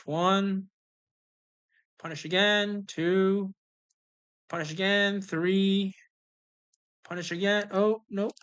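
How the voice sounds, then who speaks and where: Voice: medium pitch, fairly bright tone, clean tone. A game streamer giving casual live walkthrough commentary, instructing and talking through each move as it happens.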